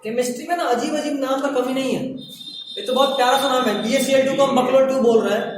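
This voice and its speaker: A man's voice: extremely high pitch, fairly even intonation, brisk, very echoey. Man, chatty joking teacher, classroom lecture, far from the mic, faint background noise. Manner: chatty, joking, questions students directly.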